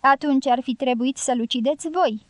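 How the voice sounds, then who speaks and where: A woman reading the part of a reserved male fighter who answers in short, measured lines. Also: sits high, no echo, natural voice. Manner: measured, terse replies.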